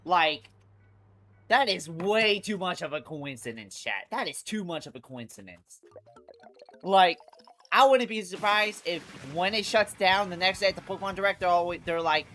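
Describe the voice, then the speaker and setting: Expressive and a bit bright, a mid-range voice talks at normal speed through a casual gaming stream with music in the background. The congested host swears, uses slang, and frequently repeats and restarts phrases.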